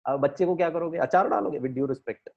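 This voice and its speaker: Animated middle-aged male motivational speaker. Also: brisk, creaky, muffled recording. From India. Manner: animated, emphatic, with big swings of pitch and loudness; speaks to the audience directly with rhetorical questions. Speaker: life coach and corporate trainer. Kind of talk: motivational talk.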